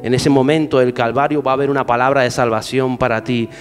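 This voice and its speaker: A man's voice: fairly even intonation, fast talker, soft background music. Preaching man in a reverberant hall. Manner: swings between loud exhortation and low quiet asides; addresses the congregation with repeated questions. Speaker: pastor. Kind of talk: sermon.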